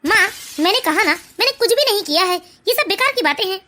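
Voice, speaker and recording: A young newly married son in a cartoon family drama. He speaks firmly and defends himself, his voice very high and bright. He sounds reproachful toward his mother. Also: expressive, fast, exaggerated voice. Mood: defensive. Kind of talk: animated family story voice acting.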